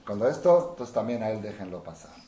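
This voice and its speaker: A man teaching a Torah class as a rabbi. He swings between soft asides and loud, emphatic rhetorical questions. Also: on the low side, expressive, fast talker. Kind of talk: Torah lecture. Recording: roomy with faint noise.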